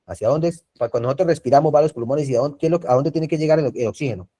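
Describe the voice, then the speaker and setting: A man's voice: on the high side, rapid-fire, mellow. A man teaching an online first aid class over a video call, repeating key points and checking in with the class. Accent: Colombian Spanish. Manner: repetitive, checks in with frequent tag questions.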